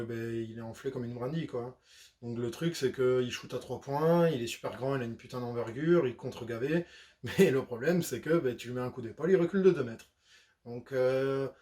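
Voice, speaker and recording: Young guy chatting basketball, slangy, lots of euh, mid pitch. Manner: slangy, animated, frequent fillers and self-corrections. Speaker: basketball video host. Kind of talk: casual sports analysis.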